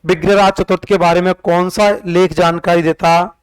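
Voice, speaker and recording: A man's voice: high voice, level tone, normal speed, smooth, low-quality recording. A man teaching history, drilling facts through repeated questions and sing-song counting in call-and-response revision.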